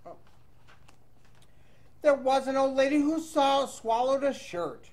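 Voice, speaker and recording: An animated man with a darkish tone reads a picture book to kids at a relaxed pace, his pitch rising and falling freely in a playful sing-song. He chats casually with the children between lines.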